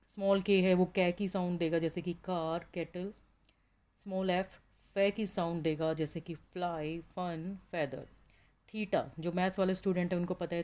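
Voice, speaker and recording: Woman teacher, lowish voice, patient and slow, drills example words one by one. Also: darkish tone. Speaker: English teacher. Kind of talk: classroom lesson on phonetics.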